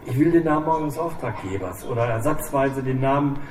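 A man reading Andrea, a soft-spoken ruthless old gunman. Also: mid-range voice, expressive, brisk, close to an everyday voice. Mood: cold calm. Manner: quiet, soft-spoken menace. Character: calm ruthless old male gunman, menacing. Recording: echoey room, distant mic, faint hiss.

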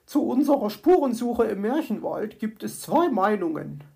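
A woman voicing a bossy, motherly female magpie nurse who talks in a brisk, self-satisfied way. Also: a little high, big pitch swings, creaky, dark tone. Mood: fussing.

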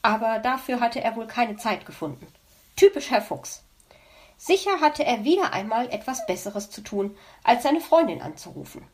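A woman narrating a children's storybook in an expressive, lively way. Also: a little high, moderate pace.

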